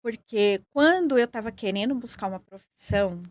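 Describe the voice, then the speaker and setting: A woman with a São Paulo accent, answering interview questions in a measured, explanatory way. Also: a little high, lively intonation, dry recording, clean studio sound. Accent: Paulista Brazilian Portuguese. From São Paulo, Brazil. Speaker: guest, acupuncturist and nurse.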